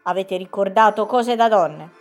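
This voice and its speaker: A woman voicing a stern, loyal young squire who gives loud, commanding orders, in a storybook reading. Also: mid-range voice, moderate pace, soft background music, lightly acted.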